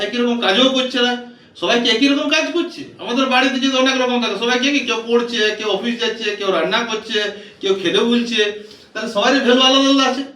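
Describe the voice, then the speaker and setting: High, bright-voiced man teaching English. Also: echoey room, distant mic. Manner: patient, spells words out letter by letter and asks the viewer questions. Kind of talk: English lesson video explained in Bengali.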